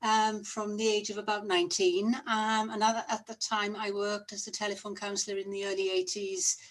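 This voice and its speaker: A middle-aged or older woman, introducing herself in a measured, earnest way as an academic guest. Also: mid-range voice, flat delivery. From Swansea, Wales. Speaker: panel guest, academic researcher. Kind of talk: considered self-introduction.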